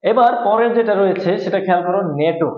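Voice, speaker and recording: A man teaching an English lesson at a board, explaining slowly and repeating each point. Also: high voice. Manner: slow, repetitive explaining, spelling out letters. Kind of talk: whiteboard lesson. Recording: echoey room, tinny phone-like sound.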